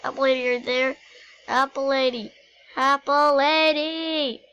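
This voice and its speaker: A woman's voice: high voice, steady tone, a little slow, a bit bright, rough recording. Woman as a stammering, flustered coyote pilot. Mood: panicked. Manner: stammering, rambling, filler-heavy. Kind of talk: amateur voiced animal skit.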